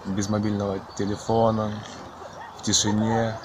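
A young man speaking slowly to camera on a forest path, drawn out and urging. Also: lowish voice, little pitch movement. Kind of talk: short testimonial to camera. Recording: outdoor recording with clear ambient noise.

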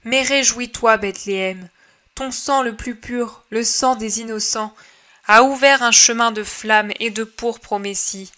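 A woman's voice: a little high, a little slow, bright, forceful tone. A woman voicing Jesus, solemnly preaching. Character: Jesus, gentle male preacher addressing his countrymen.

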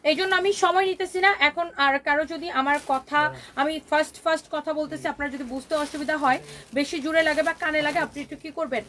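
Brief: rapid-fire female live-stream seller, high bright voice, pushy repetitive pitch, faint room hum. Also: steady tone. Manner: fast, emphatic, repetitive sales patter mixing in English. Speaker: online clothing seller hosting a live sale.

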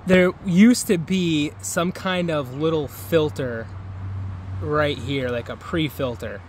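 A man's voice: a little high, slow pace, slight background noise. A man in his thirties casually walking through a go-kart repair for his vlog, rambling with fillers, filmed outdoors on a handheld camera. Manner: laid-back, rambling with fillers. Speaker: vlogger. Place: outdoor yard by woods. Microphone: handheld camera at arm's length.

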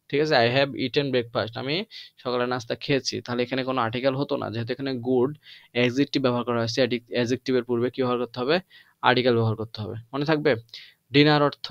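A male teacher gives a grammar lesson, explaining in Bengali and reading English example sentences slowly. He keeps asking the class questions and answering them himself. The recording sounds dry and a little dull. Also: mid-range voice, dry recording. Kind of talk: lecture to students.

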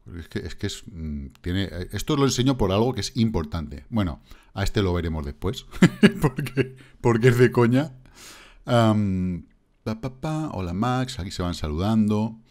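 Sarcastic deep-voiced man. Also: expressive, normal speed, a little mellow. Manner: sarcastic, reads chat messages aloud and mocks them. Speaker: crypto channel host. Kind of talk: casual screen-reading commentary.

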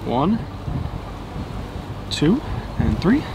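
Young male guest, jokey and excitable, voice swings up and down a lot, outdoor night noise behind. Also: fairly high pitch, drawn-out words. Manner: excitable, jokey, lively reactions. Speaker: fishing buddy and guest. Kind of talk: casual outdoor cooking chat. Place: outdoors at night on an island campsite. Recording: outdoor recording with clear background noise.

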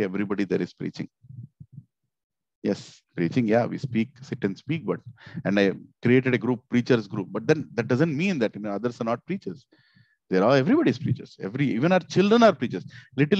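A middle-aged man with a South Indian accent giving an informal devotional sermon, animated and repetitive, asking rhetorical questions into a headset mic. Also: lowish voice, creaky, dry recording. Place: small indoor office. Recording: slightly dull, lo-fi headset audio.

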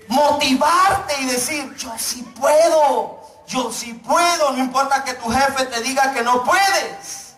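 A middle-aged pastor preaching a sermon, joking and calling out to his congregation, then slowing down to stress his points. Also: extremely high pitch, bright, forceful tone, far from the mic. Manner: joking, calls out to the congregation, preaches slowly for emphasis. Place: church hall. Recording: echoey church room, mic from afar.

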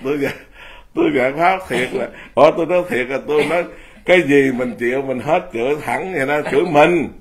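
A man's voice: medium pitch, brisk. A man in his fifties, a Buddhist monk giving an informal talk, blunt and self-mocking, laughing often as he speaks.

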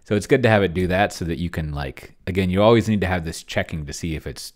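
This deep-voiced middle-aged man talks fast, offering laid-back screencast commentary while he plays solo tabletop roleplaying against a chatbot. He reads along and muses aloud to himself from a small, cluttered indoor room.

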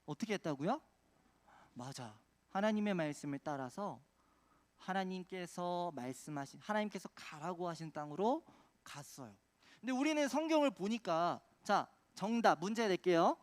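A man's voice: high-pitched, animated, moderate pace. A man preaching a children's sermon, quizzing the kids with call-and-response questions. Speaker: children's pastor.

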